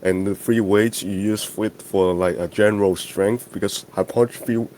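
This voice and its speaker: A man's voice: fairly low pitch, steady tone, moderate pace, darkish tone, slight background noise. A man calling into a podcast, asking questions hesitantly with lots of fillers over a voice call. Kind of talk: casual chat on a voice call. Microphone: voice call mic.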